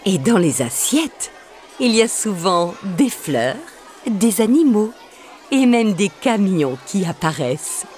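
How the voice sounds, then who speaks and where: A woman reading a children's story aloud in a slow, expressive, sing-song way. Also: mid-range voice, soft background music.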